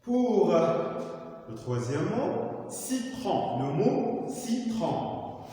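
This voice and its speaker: A man with a Moroccan accent teaching a slow reading lesson to young pupils, repeating each word and syllable with care. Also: high-pitched, sing-song, dark tone. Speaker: primary school teacher. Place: classroom. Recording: echoey room from far off.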